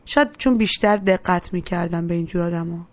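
A woman's voice: fairly low pitch, a little mellow, no echo. Young woman telling a reflective story. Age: young adult. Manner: reflective, quotes others in voiced asides. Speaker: narrator. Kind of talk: first-person storytelling.

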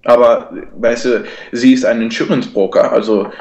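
A man's voice: medium pitch, fairly even intonation, moderate pace, darkish tone. A man telling a personal story in German, sprinkling in English words and restarting his sentences often. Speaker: guest. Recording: echoey room.

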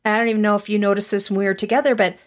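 A woman's voice: mid-range voice, flat delivery. A middle-aged woman hosting a podcast, chatting casually and reacting readily to her guest. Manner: chatty, responsive, quick to react. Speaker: podcast host.

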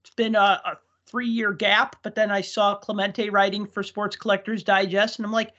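Dull lo-fi audio captures a podcast host with a high, sharp-toned voice that moves little in pitch, speaking at a moderate pace. He tells stories enthusiastically in a casual chat and laughs at them himself.

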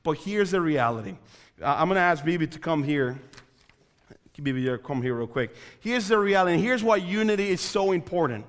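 A young man gives a youth sermon in a large room. He talks straight to the listeners and repeats his lines for emphasis. His voice sits a little high, and long reverb from the hall trails after it. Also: animated, a little fast. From Dominican Republic. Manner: earnest, repetitive emphasis, addresses the room directly. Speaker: youth pastor.

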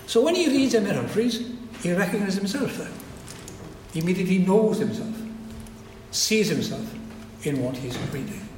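With a high-pitched, expressive voice that's a little mellow, an older Welsh man talks at normal speed through a reflective public lecture full of restarts. He's a native Welsh speaker from Wales with a Welsh accent, addressing a society event in a lecture hall. The echoey recording has slight background noise.

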